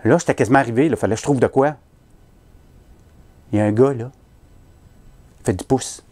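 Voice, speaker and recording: A man's voice: on the high side, a little mellow. A man with a Québécois French accent performing a comic story, self-mocking and punchline-driven.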